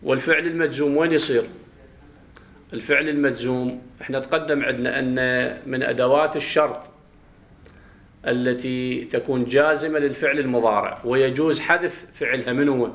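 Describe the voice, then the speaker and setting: A man with an Iraqi Arabic accent teaching a grammar class, explaining step by step, questioning his students and slowly chanting verses. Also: mid-range voice, fairly even intonation, a bit bright. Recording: roomy classroom echo.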